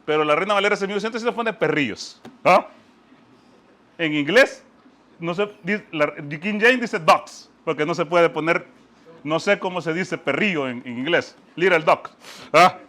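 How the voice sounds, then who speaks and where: A man giving animated, emphatic commentary on scripture, often stopping to ask "¿ah?". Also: a little high, unhurried. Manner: lively, emphatic, asks "¿ah?" often.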